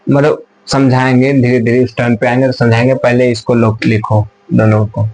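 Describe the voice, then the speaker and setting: A man's voice: medium pitch, little pitch movement, normal speed, a little mellow, rough recording. A man teaching a math class at a whiteboard, repeating his points and asking and answering his own questions, sometimes turning away from the camera.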